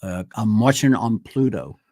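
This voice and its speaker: A man co-hosts a casual talk show on a live stream, his low voice carrying lively intonation at a measured pace. He sounds a little mellow and hesitates often, filling gaps with fillers as he searches for names. The studio mic gives a dry, studio-quality recording.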